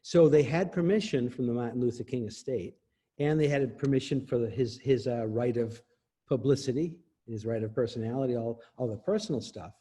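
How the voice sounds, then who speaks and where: A man with a dark, husky voice speaks as an interview guest. He explains things emphatically, with frequent laughs. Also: mid-range voice, brisk. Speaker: interview guest, copyright expert. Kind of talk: explanatory casual talk.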